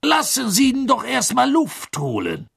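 A man voicing a jovial middle-aged male tournament announcer who calls out loudly and excitedly across the water. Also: very high-pitched, measured pace, vocal fry, husky, pitched above the performer's own voice, heavily acted. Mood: relieved.

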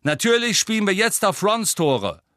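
A man voicing a brisk, commanding teenage girl who captains a sports team. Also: on the high side, expressive, bright, forceful tone, no room sound, studio quality, pitched above the performer's own voice.

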